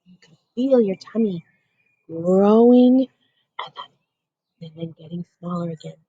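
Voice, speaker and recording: A teacher reading a picture book aloud at home to young children, asking them gentle questions and leading a breathing exercise. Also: female voice, lowish voice, breathy edge, no echo, dull audio.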